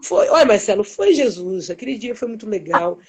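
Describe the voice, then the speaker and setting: A woman photographer telling stories in a live interview, acting out the dialogue with expressive voices. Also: medium pitch, a little fast, breathy edge. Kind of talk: animated storytelling in a live interview. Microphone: live stream.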